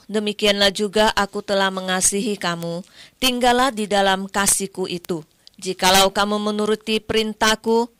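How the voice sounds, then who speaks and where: A woman reads scripture in a calm, measured voice. Her tone is smooth and resonant, and her pitch is ordinary. The recording is close and dry. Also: no room sound. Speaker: scripture reader. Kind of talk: reading scripture aloud.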